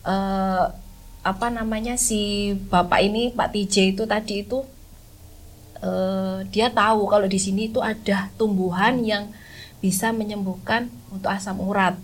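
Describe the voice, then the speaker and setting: Halting woman recalling a camping trip. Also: medium pitch, steady tone, poor audio. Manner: halting, searching for words with many fillers. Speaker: podcast guest telling a camping story. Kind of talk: casual spoken recollection.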